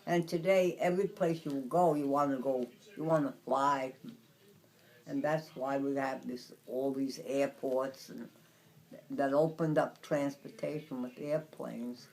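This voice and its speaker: Very slow, low-voiced woman in her nineties. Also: steady tone, darkish tone, rough recording. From Brooklyn, New York. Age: 90s. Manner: halting, searching for words, repeating phrases. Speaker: interviewee recalling the past. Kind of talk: reminiscing in a casual interview.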